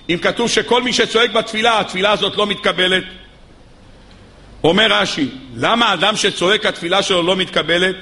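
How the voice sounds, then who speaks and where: A man's voice: sharp tone, in a large hall. A man giving a religious text lesson, reading sources and then driving his points home with rising, emphatic delivery. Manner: rises to high, emphatic pitch when making a point. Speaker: Torah teacher.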